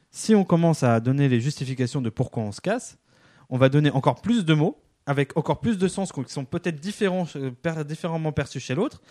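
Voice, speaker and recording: Man, comic columnist, slightly high voice, mellow tone, dry close sound. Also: no room sound. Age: under 50. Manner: lively, acts out quick dialogue in different voices.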